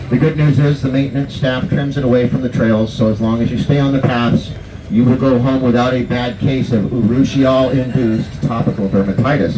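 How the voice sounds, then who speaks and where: A man gives rehearsed tour commentary as a bus driver and guide. His mid-pitched voice sounds echoey and muffled, with clear vehicle noise around it. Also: far from the mic. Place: tour bus on a hill road.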